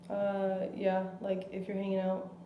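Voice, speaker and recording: A woman's voice: mid-range voice, monotone, unhurried, narrow, tinny audio, slight background noise. A young woman answering interview questions casually, filling her speech with "like". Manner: casual, lots of 'like'. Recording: echoey room.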